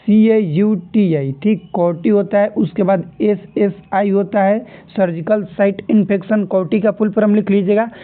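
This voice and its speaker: A man's voice: sits high, steady tone, a little slow, few pauses. A man going through nursing exam questions as a tutor, repeating key terms and telling students to remember them. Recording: tinny phone-like audio.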